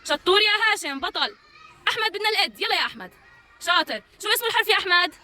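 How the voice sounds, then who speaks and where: A young woman preschool teacher, leading a children's letter game and calling out energetic encouragement. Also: extremely high pitch, rapid-fire, some chatter behind.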